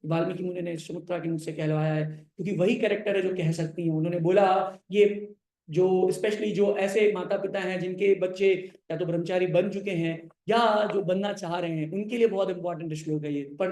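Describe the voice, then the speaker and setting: A male preacher giving a sermon. He chants scripture verses slowly, then explains them with rising emphasis and slips English words into his talk. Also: high voice, steady tone, darkish tone. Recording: echoey hall.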